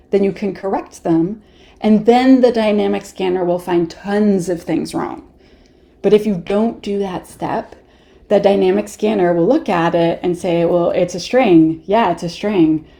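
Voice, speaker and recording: A woman's voice: medium pitch, gravelly, dark tone. A woman with a Canadian accent presenting a live online workshop, chatty, laughing often and answering viewer questions as she goes.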